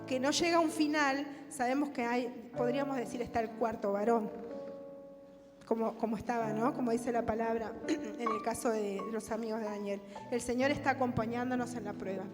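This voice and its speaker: Rioplatense woman preacher, high voice, rhetorical questions to the pews, long church reverb, music behind. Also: steady tone, normal speed. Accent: Rioplatense Spanish. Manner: asks the congregation rhetorical questions. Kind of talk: sermon and closing prayer. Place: church hall.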